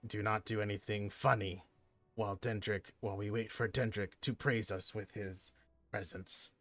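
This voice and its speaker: A man's voice: lowish voice, fairly even intonation, moderate pace, a bit bright, no room sound. Man doing a bossy kobold guard. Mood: stern. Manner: clipped commands in broken speech. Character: gruff male kobold guard, blunt and bossy.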